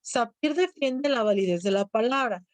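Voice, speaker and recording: A woman's voice: fairly high pitch, lively intonation, normal speed, no echo. A woman teacher with a Mexican accent lecturing a class, explaining step by step and often checking in with her students. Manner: explanatory, asks students questions.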